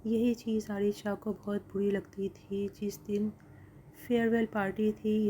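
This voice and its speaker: A woman narrating a dramatic story in a steady, scripted reading. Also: mid-range voice, a little hiss or hum.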